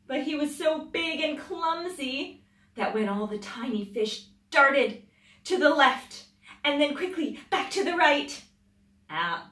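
A middle-aged woman, a children's storytime host and teacher, reads a picture book aloud with dramatic emphasis and drawn-out words. Her voice sits high with a fairly bright tone. The sound is distant and echoey, from a camera a few metres away in a small tiled library room.

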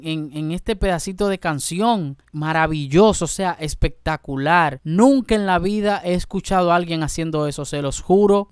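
Young male reaction host, eager, exclamatory, smooth clean voice, dry close sound. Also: high voice, no room sound. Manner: excitable, exclaims and addresses viewers as "mi gente". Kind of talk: casual reaction commentary.

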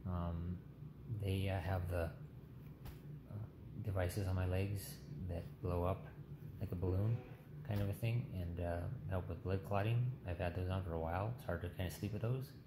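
In a noisy, roomy phone recording, a man in his thirties lies in a small hospital room's bed, phone at arm's length, and talks to camera. The patient vlogger's casual post-surgery update is halting, weak, tired and subdued, with a sore throat. His voice sits low with fairly even intonation.

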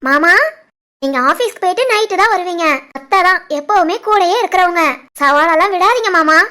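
A woman voicing a gentle young wife and new mother in an animated family story, speaking with a southern Tamil accent from the Tirunelveli area in a soft, polite, affectionate way. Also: a little fast. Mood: respectful. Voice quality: very high, bright cartoonish voice.

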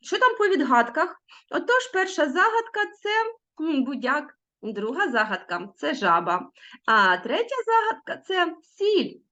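A middle-aged woman teaching a recorded language lesson, drawing out example words slowly and stressing them. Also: a little high. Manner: lively, drawn-out word stressing. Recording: dull lo-fi sound.

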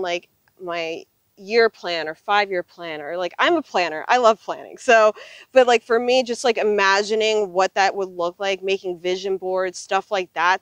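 Woman in her thirties, mid pitch, earnest, reflective, casual interview guest, dry lapel mic outdoors. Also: smooth, no room sound. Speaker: interview guest, full-time RV traveler. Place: outdoors on open desert gravel lot. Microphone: clip-on lapel mic.

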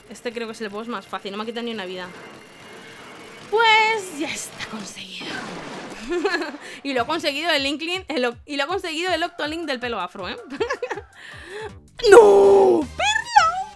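Excitable high-voiced Spanish woman gamer. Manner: excitable, shrieks and laughs at the game. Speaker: gaming YouTuber. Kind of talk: let's-play commentary. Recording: game music loud under the voice. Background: game music.

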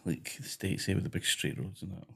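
A man hosting a podcast, chatting in an easygoing way and dropping in quick comments. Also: low voice, gravelly, sharp tone, husky. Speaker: podcast host. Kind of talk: casual chat.

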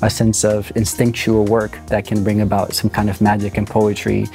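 Low, flat-voiced man in a dance studio. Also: normal speed, faint music behind. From Puerto Rico, raised in New York City. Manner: thoughtful, with many fillers and restarts. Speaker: choreographer. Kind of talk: interview.

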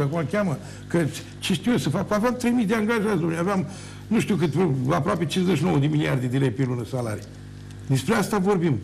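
A man's voice: high voice, vocal fry, darkish tone, slight background noise. An older man, a former mayor, ranting emphatically on his own TV show, repeating words for force. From Romania. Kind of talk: heated televised monologue.

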